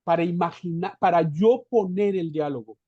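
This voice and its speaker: A fairly high, mellow-toned man in his fifties talks as a guest over a video call. He rambles and drifts between thoughts, restarting often. The sound is dry and muffled, like lo-fi online call audio. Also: moderate pace, no room sound. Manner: rambling, digressive, many restarts. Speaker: guest copywriter. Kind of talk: casual conversational interview. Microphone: headphones on a video call.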